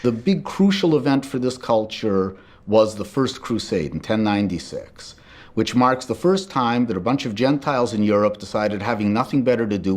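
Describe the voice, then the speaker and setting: A man being interviewed for a documentary, telling history and jokes in an animated storyteller's manner. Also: mid-range voice.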